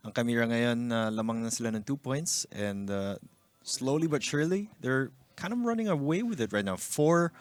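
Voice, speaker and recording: Commentating live on a game, a man with a Filipino accent moves back and forth between two languages as he breaks down the action. His mid-range voice is animated at a moderate pace, and the dry recording carries noise and clicks.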